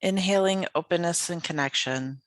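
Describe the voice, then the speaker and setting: The speaker is a yoga nidra meditation guide whose mid-range voice stays soothing and unhurried. The delivery is gently inviting, broken by pauses, and there is no room sound.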